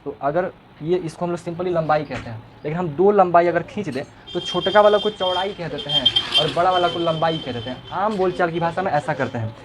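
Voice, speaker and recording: A man's voice: fairly high pitch, slight background noise. A male schoolteacher, teaching a classroom lesson and teasing and quizzing his pupils.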